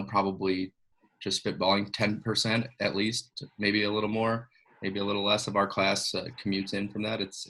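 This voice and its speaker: A young man in his twenties from Illinois, a law student giving relaxed, conversational interview answers. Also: on the low side, low-quality recording. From Illinois, USA.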